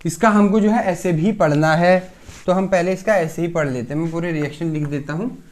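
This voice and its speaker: Higher-voiced man lecturing on chemistry. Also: a little fast. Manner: explains step by step, asks and answers his own questions, keeps saying "theek hai". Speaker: pharmacy lecturer. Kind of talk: casual classroom lecture.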